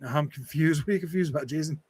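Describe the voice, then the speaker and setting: Reading out viewer comments and responding to them, a gaming streamer in his early forties keeps up a rambling, repetitive, slangy livestream chat, addressing listeners as dude, man and bro. His voice is a little high, darkish and slightly rough, and he talks fast. The recording is dry.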